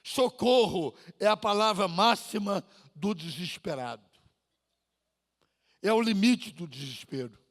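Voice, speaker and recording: A male pastor preaching a sermon, dramatic and slow, drawing out pleas and swinging from loud cries to near-whispers. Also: high-pitched, animated. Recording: long church reverb.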